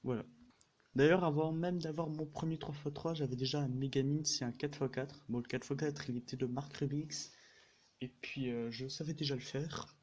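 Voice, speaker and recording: A man's voice: fairly high pitch, fairly even intonation, normal speed, darkish tone, lo-fi sound. A man from France introducing his speedcubing channel in a casual talk, hesitating often and correcting himself. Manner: hesitant, with frequent fillers and self-corrections. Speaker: speedcubing YouTuber.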